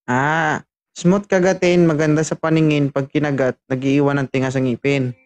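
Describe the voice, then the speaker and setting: A man's voice: on the high side, little pitch movement, moderate pace, background noise. A man hosting a matchmaking show, bantering and teasing his guests. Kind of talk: casual chat.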